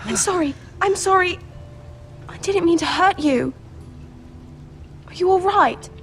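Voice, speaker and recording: A woman's voice: very high voice, a little slow. A woman playing a tender, emotional teenage noble girl in grief, in a dramatic fantasy video game. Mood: relieved, anxious. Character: tender, grieving teenage noble girl, wounded lord's sister.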